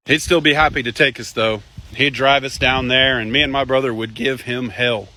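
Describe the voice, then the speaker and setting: A young man telling family stories in a casual, animated, folksy way, with some swearing. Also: mid-range voice, moderate pace. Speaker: storyteller. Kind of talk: casual storytelling.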